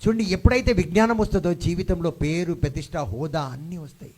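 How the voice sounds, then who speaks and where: A man's voice: a little high, fast talker, darkish tone. A man preaching a sermon, dropping English phrases into his talk and calling out for responses from the congregation. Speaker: pastor. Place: church hall.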